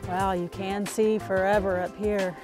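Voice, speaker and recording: A woman co-hosting an outdoor fishing show, chatting excitedly and laughing often by a river. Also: mid-range voice, unhurried, music in the background. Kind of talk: casual outdoor chat.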